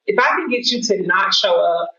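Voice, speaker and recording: A woman's voice: medium pitch, expressive, pushed and bright, dull audio. A woman guest on a podcast, speaking confidently and emphatically in casual chat. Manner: confident, emphatic, measured storytelling.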